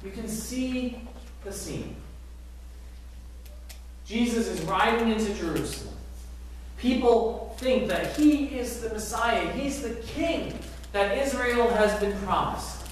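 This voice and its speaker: A middle-aged man preaching a sermon as pastor, animated, asking the congregation rhetorical questions. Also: very high voice, slow pace, a little hiss or hum. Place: large church sanctuary, indoors. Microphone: far camera at back of church. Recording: very echoey sanctuary from far off.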